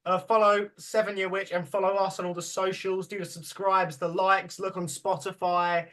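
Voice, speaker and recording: A man hosting a casual podcast chat. His voice sits high for a man, and he rambles, swears and laughs easily as he talks. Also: flat delivery, normal speed, fairly bright tone. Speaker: podcast host.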